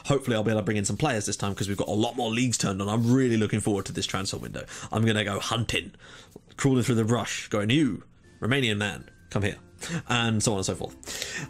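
A young man giving casual commentary over a football management game, animated, swearing and exclaiming at what happens on screen. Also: on the low side. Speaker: gaming YouTuber.

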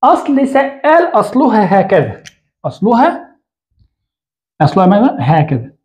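A man's voice: high voice, huge pitch swings, moderate pace, a little mellow. A man teaching Arabic grammar in an online lesson. He writes on a board as he explains, asks the learner a question, answers it himself, and often corrects his own slips.

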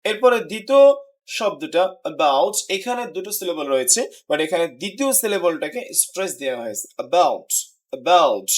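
A man teaching an English pronunciation lesson, explaining patiently and repeating example words slowly for practice. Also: sits high.

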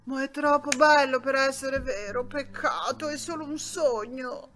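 A woman telling a bedtime story to children, soft, sing-song and expressive. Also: high-pitched, measured pace.

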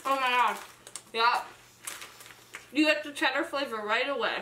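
A woman's voice: high voice, normal speed, sharp tone, a little hiss or hum. A woman hosting a vlog, chatting casually and giggling with her mouth full of chip during a snack taste test. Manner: chatty, giggly, lots of filler "like". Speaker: vlog host.

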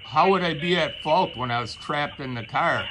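A man's voice: on the high side, normal speed. A man in his fifties making a prank call, feigning confusion and mock indignation. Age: 50s. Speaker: prank caller. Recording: phone call with background noise.

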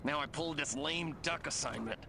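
A man's voice: a little high, brisk, natural voice. An actor playing a bored, coarse male army soldier who grumbles about his duties. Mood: grumbling. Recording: game audio with loud noise behind.

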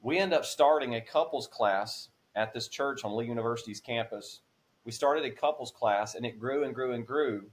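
A podcast guest in his forties speaks at a medium pitch and moderate pace as he gives an emotional testimony of his faith. He's earnest throughout, and his voice swells when he's moved.

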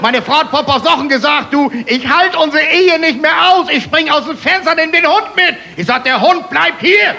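A man from Hamburg with a Hamburg accent doing rapid-fire stand-up jokes on stage, punchy one-liners, keeps calling the crowd "friends". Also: very high voice, gravelly, sharp tone. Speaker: stand-up comedian. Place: live stage before a laughing audience. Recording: TV show stage recording with crowd noise.

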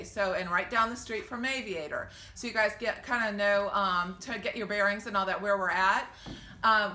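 Her voice is on the high side and sharp as she, a boutique owner in her forties, gives an upbeat, casual tour of a sale, first outside the shop door and then indoors. She says um often and gushes with praise, and the audio is roomy with a little background noise.

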